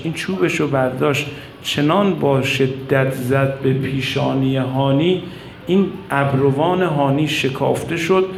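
A man preaching a religious sermon, telling stories with impassioned rises and hushed drops. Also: creaky, a little hiss or hum. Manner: impassioned, rising to cries and dropping low. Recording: echoey room with faint ambience.

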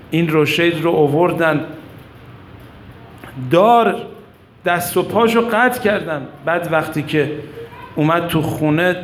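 A man preaching a religious sermon, telling stories with impassioned rises and hushed drops. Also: gravelly, slight background noise. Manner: impassioned, rising to cries and dropping low. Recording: echoey room with faint ambience.

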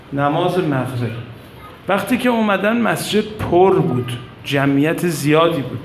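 A man preaching a religious sermon, telling stories with impassioned rises and hushed drops. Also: creaky, a little hiss or hum. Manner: impassioned, rising to cries and dropping low. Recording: echoey room with faint ambience.

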